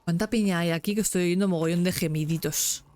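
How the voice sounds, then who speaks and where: Give me a young woman, chattering through a game stream and breaking into excited squeals. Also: on the low side, fast talker. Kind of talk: casual gameplay commentary.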